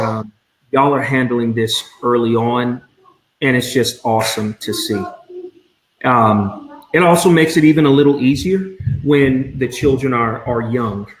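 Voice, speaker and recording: A man, hosting a conversational interview, animated and prone to repeating phrases. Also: mid-range voice. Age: 40s. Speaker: podcast host. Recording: roomy echo, faint noise.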